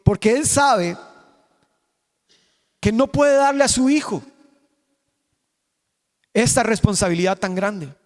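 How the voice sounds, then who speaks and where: High-pitched guy preaching, lots of questions at the crowd, echoey church. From Costa Rica. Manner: emphatic, rhetorical questions, drawn-out stresses. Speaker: pastor. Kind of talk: sermon. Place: church sanctuary. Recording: reverberant church hall.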